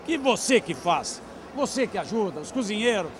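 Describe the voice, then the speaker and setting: A man with a notably high voice, working as a TV interviewer at a busy event. He is agreeable and keeps chiming in to back up his guest. Faint crowd chatter sits behind his handheld mic. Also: sing-song, normal speed, slight background noise.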